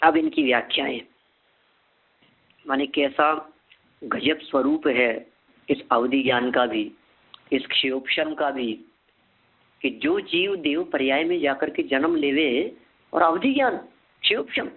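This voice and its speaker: A man teaching a scripture lesson, asking and answering his own questions and repeating key terms slowly so they can be memorized. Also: on the high side, slightly rough. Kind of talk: scripture lecture. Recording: phone-like narrow sound.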